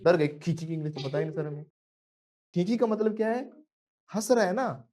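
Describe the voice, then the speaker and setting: A man's voice: sits high, lively intonation, fairly quick, warm tone. A man from India teaching spoken English in a live class. He jokes, calls on students by name and drills them in repetition, switching between Hindi and English.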